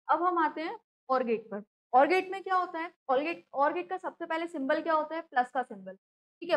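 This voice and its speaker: Female teacher, high voice, patient step-by-step classroom explanation. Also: poor audio. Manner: explanatory, asks and answers own questions, frequent "theek hai".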